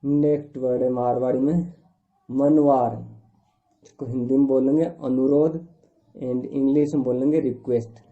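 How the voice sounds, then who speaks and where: A man giving a slow, methodical vocabulary lesson, stating each word and then its meanings in a steady, repetitive pattern. His voice sits at an ordinary middle pitch. The sound is thin and narrow, like a phone line. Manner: slow, repetitive listing of words with translations. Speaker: language teacher. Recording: tinny phone-like recording.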